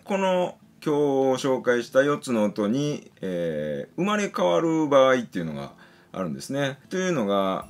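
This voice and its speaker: A man giving a casual pronunciation lesson, patiently explaining and slowly sounding out example syllables and words. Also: fairly high pitch. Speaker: English pronunciation teacher.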